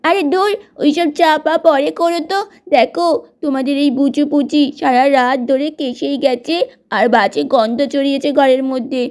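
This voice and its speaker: A woman's voice: high-pitched, moderate pace, darkish tone, close to an everyday voice. A woman doing a cranky complaining young aunt. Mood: irritated. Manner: complaining, bossy. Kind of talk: doll-play storytelling.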